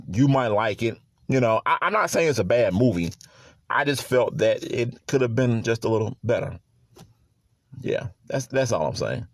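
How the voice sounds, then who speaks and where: A man's voice: mid-range voice, a little mellow, no room sound, clean studio sound. A man hosting his own sports podcast in a casual solo chat, easygoing and prone to chuckles and repeated words.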